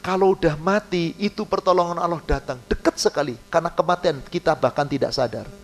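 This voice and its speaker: High-voiced preacher man. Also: fairly quick. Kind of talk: sermon.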